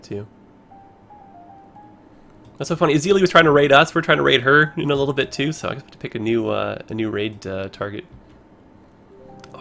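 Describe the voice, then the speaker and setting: Here a hoarse-voiced man, clearly losing his voice, chats loosely over a livestream about the game in front of him. He fills his rambling with lots of fillers, and his pitch sits in the middle with a touch of brightness.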